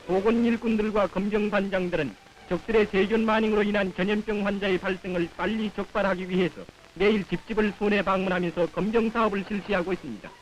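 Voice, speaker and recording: A man's voice: high voice, rough recording. A man with a North Korean accent reading scripted 1950s propaganda newsreel narration in a solemn, declamatory manner on an old film soundtrack.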